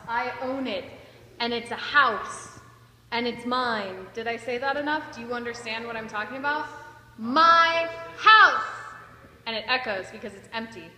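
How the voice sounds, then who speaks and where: A woman's voice: fairly high pitch, measured pace, sharp tone. A woman in her thirties, chatty and playful, giving a casual vlog tour of her empty new house, filmed on a handheld phone camera. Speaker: vlogger. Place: large empty house, indoors. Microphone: phone camera at arm's length. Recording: echoey empty room.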